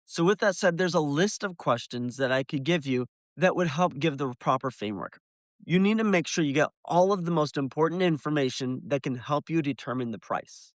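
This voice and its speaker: A window cleaner presents a business tutorial in an instructional video, explaining things step by step and speaking directly to viewers. His voice is fairly high in pitch, recorded with no echo.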